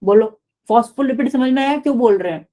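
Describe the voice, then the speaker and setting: A woman's voice: a little high, fast, mellow. A woman teaching biology in a live online class, explaining step by step and often asking the class questions.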